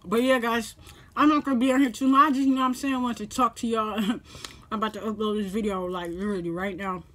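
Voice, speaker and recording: Chatty, laughing young woman with bright voice. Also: on the high side, steady tone, fast talker. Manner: rambling, chatty, laughs often while talking. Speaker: vlogger. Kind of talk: casual mukbang chat. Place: at home, indoors at a table. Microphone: camera set up on the table.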